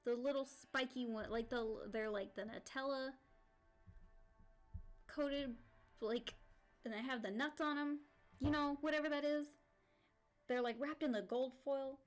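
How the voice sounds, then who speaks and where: A woman's voice: sits high, steady tone, a little slow, pauses often. A woman streamer chatting casually and rambling while she draws. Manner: rambling, full of "like" and restarts. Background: faint background music.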